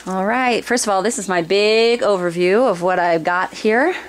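A woman in her thirties chatting through a grocery haul vlog, reading prices off her receipt with pauses and fillers, filmed on a handheld camera in her home kitchen. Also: medium pitch, a little hiss or hum. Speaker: homeschooling mother and vlogger.

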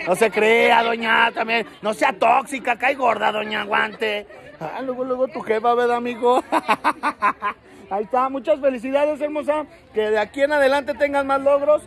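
High-voiced Mexican man teasing. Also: fairly even intonation, a little slow, creaky, a faint crowd. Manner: teasing, playful, leads loud cheers. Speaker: influencer host. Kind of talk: joking street vlog. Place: outdoors at a graduation in town.

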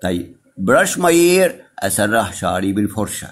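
A man with an Egyptian accent teaching first-grade English. He drills words slowly, has pupils repeat after him, and lifts his voice on each English word. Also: fairly low pitch, very animated, a little hiss or hum. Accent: Egyptian Arabic.

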